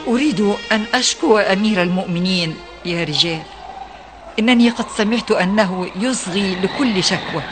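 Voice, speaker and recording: A woman's voice: mid-range voice, brisk, music in the background, natural voice. An actress playing a poor mother of hungry children who speaks plaintively in a radio drama. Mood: reproachful. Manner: plaintive, reproachful. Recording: noisy old radio recording.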